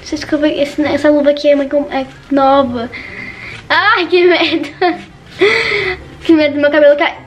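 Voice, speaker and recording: Her voice sits high but barely moves in pitch, and she talks quickly with few pauses in a slightly dark tone, recorded from afar over soft music. The teenager is vlogging in her bedroom, nervously chatty and constantly saying "gente" to her audience. The room sounds echoey, with household sounds in the background.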